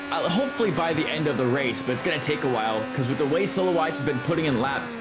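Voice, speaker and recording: A man's voice: on the high side, lively intonation, fast, over loud music. A man giving live motorsport commentary, analysing the race in an emphatic, opinionated way.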